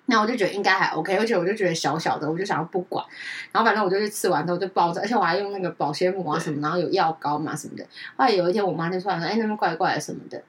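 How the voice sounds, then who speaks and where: A woman co-hosting a chat podcast, telling a family story in a lively way and acting out relatives' lines. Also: very fast, distant mic. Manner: animated, acts out family members' lines with big pitch jumps. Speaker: podcast co-host.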